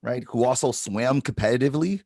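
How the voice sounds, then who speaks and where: Middle-aged man, panel speaker, reflective, medium pitch, dry recording. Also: fairly quick, creaky, a little mellow, dry recording. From Detroit, Michigan. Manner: reflective, explains with repeated "right?". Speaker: panelist, advertiser. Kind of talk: panel discussion.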